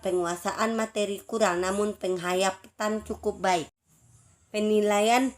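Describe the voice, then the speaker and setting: As announcer for a writing community's contest, a woman reads a judge's feedback entrant by entrant, each remark a short item in a steady, listed rhythm. Her pitch stays medium, and she occasionally restarts briefly before going on.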